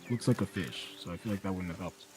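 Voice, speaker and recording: A man's voice: deep voice, quick pace, over music. A man streaming a game, making dry, sarcastic remarks at what happens on screen. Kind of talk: casual gameplay chat.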